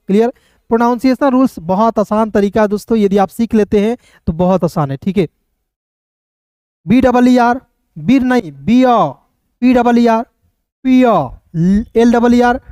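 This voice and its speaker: A man's voice: extremely high pitch, darkish tone, no echo. Hindi-speaking man drilling English pronunciation. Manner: slow syllable-by-syllable pronunciation drills, keeps asking "clear?". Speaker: English teacher. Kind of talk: online lesson.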